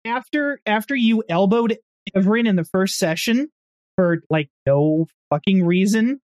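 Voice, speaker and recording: A woman's voice: medium pitch, expressive, a little slow, darkish tone, no echo. Dry, matter-of-fact woman at a game table. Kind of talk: casual table talk.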